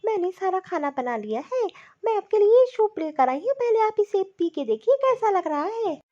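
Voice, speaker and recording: A woman's voice: very high voice, big pitch swings, normal speed, mellow. A woman voicing an earnest, dutiful young daughter-in-law in a cartoon story. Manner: earnest, eager to please. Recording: dull lo-fi audio.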